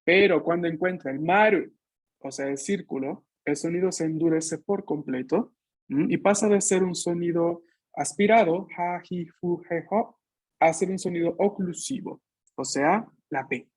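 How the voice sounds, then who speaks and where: A man teaching a Japanese class online over a video call. He explains patiently, models sounds slowly for his students to repeat, and often ends phrases with tag questions. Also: sits high.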